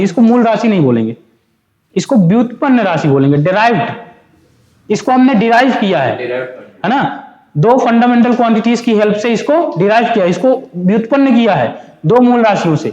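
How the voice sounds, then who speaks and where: A man's voice: high voice, darkish tone, echoey room, highs cut off. A male physics teacher giving a classroom lecture, explaining step by step, asking and answering his own questions, mixing Hindi and English terms.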